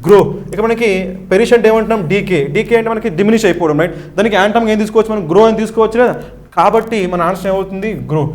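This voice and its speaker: A young man with a Telugu accent, teaching an exam-prep lesson. He asks the class questions and answers them himself, and ends many lines with "right?". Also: high voice.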